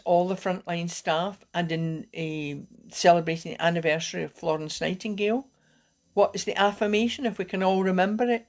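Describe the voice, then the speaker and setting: A woman with a lowish voice coaches wellbeing on a live video, guiding viewers through calming techniques. Her tone is gentle and encouraging, and she often begins sentences again.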